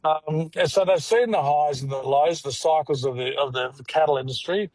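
A man talking over a patchy phone line from his car. He speaks haltingly, repeating words and using many fillers, as a guest on a radio interview. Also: a little high, darkish tone, no echo. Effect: phone call from a moving car, dropping reception. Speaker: live cattle exporter, phone-in guest.

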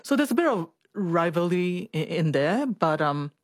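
A woman's voice: on the low side, big pitch swings, normal speed, no echo, clean studio sound. A woman, a doctor telling her life story in an interview, chatty and reflective, often laughing and repeating words. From Singapore.

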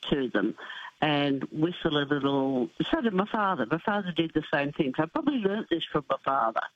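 A woman's voice: deep voice, expressive, brisk, no echo. Dull phone-line older Australian woman, missing front teeth. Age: 70s. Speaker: radio phone-in caller. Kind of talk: casual anecdotes and advice. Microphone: telephone. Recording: dull, muffled phone call.

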